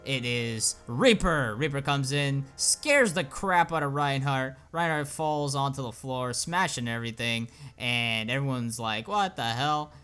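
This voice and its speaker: A young man casually retells a comic panel by panel and keeps stringing it along with "and then, uh". His voice sounds bright and sharp at a middle pitch. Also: measured pace, few pauses, clear, resonant tone, soft background music. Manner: rambling, with frequent "and then, uh". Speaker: YouTuber. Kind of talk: casual storytelling recap of a comic.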